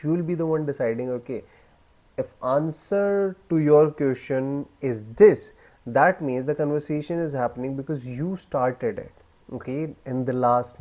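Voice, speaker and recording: A man coaching viewers on confident speaking, blunt and emphatic, with deliberate pauses. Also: mid-range voice, mellow. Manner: acts out weak speech examples in a raised, rising voice. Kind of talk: direct-to-camera coaching talk.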